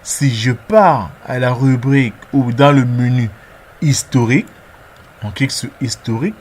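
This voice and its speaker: A man's voice: mid-range voice, unhurried, darkish tone, slightly rough. A man narrating a screen-recorded tutorial as its presenter, talking through each step hesitantly and repeating words as he clicks.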